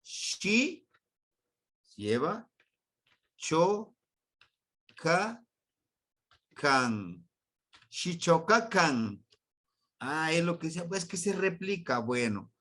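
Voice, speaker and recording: A man from Mexico, his voice a little high, teaches a Nahuatl grammar lesson online. He speaks slowly and patiently, repeating words for his students.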